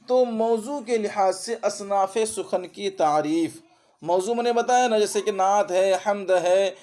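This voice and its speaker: A man with an Indian Urdu accent leads an exam-prep lesson on Urdu grammar, repeating terms and quizzing his students with quick check questions. His voice sits high and has a darkish tone.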